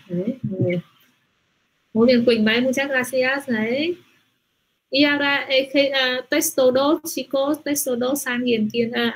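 A woman's voice: on the high side, a little hiss or hum, low-quality recording. A woman teaching a language class, patiently praising students and checking with them often. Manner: patient, repeats "muy bien" and "¿vale?" often. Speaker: Spanish teacher.

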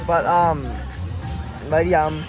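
A young American man talking casually to camera in an outdoor vlog, halting and rambling as he goes. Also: a little high, level tone, over music, crowd noise. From Pennsylvania, United States. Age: young adult, late teens. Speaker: vlogger. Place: outdoors in an amusement park. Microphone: phone at arm's length.

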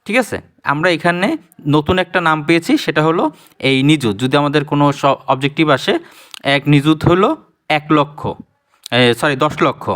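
A man's voice: fairly high pitch, expressive, moderate pace, pauses often, fairly bright tone. A man with a Bangladeshi Bengali accent teaching a primary school math lesson online. He counts digits aloud and often stops to correct himself. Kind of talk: online lesson explaining place value.

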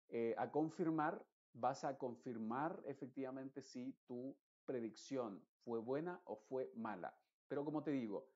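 Male teacher, patient explainer, mellow voice, muffled lo-fi recording. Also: fairly high pitch. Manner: explains patiently, stretches vowels, reads word lists aloud. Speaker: English pronunciation teacher. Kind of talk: recorded online lesson.

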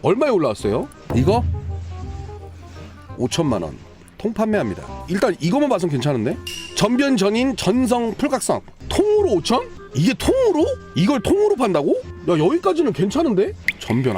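A man in his thirties streaming a mobile game live, bantering with viewers and shouting at the game when things go wrong. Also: on the high side.

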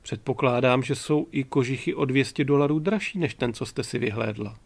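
A man's voice: medium pitch, gravelly. A male audiobook narrator voicing a proud, easily offended male cruise passenger who speaks indignantly. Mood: sardonic.

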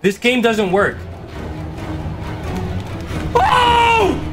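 Excitable young man, high and bright. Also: normal speed, faint music behind. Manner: excitable, jumpy, yells when scared. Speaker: gaming YouTuber. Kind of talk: gameplay commentary.

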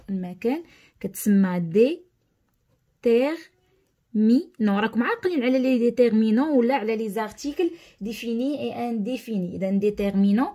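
A woman with a Moroccan accent teaches pupils in a mellow, fairly high voice. She slips French terms into her Arabic and keeps checking that the class has understood. Her delivery is patient and explanatory. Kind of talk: explaining a school lesson.

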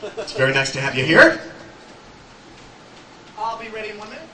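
A man's voice: high voice, very animated, moderate pace, very noisy, voice pushed up. A comedian on a club stage playing a pompous male professor who lectures a class in a pedantic, mock-scholarly way. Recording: echoey live club recording from far off, music.

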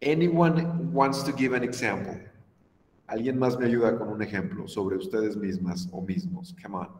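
A Mexican man in his 30s, with a fairly low voice and normal speaking speed, teaches an online English class by video call. Patient and encouraging, he switches to Spanish to explain things, and his echoey room has long reverb.

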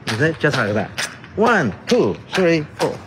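Against a noisy background, a middle-aged man whose first language isn't English guides an exercise demonstration on an outdoor terrace next to a brick building. His slightly high voice has a sing-song, somewhat slow quality as he repeats short, simple phrases and counts, working as a health exercise instructor.

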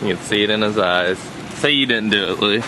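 A man's voice: on the low side, brisk. A young man filming and teasing his friends on a car road trip, casual and provocative. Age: young adult. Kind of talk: casual joking banter. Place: inside a moving car. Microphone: handheld camera mic. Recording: loud road noise in a car.

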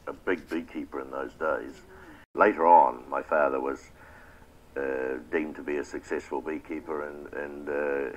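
Older New Zealand man, very deep. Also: lo-fi sound. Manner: plain-spoken, reflective, with restarts. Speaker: retired beekeeper. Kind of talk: oral history interview.

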